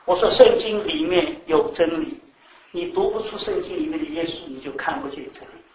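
A man preaching to a class, animated, repeating words and quizzing the audience. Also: on the high side, moderate pace, slight background noise. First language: Chinese. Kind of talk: sermon to a class. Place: teaching room with live audience. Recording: echoey room, mic at a distance.

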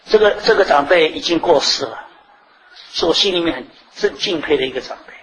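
Animated male preacher, faint background noise. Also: a little fast, poor audio. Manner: animated, rising and falling sharply in pitch and volume. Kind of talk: sermon.

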